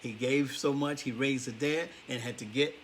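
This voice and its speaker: A man's voice: mid-range voice, fairly even intonation, normal speed, a loud crowd. A man co-hosting a casual faith-based marriage chat on a live stream, easygoing and affirming. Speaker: co-host, husband.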